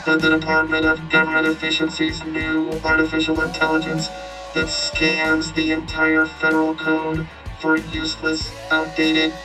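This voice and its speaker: A man's voice: on the high side, pitched above the performer's own voice, rough recording. A man doing a mechanical robot announcer through a metallic robot voice filter. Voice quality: flat, mechanical monotone. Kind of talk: sound-effect announcement.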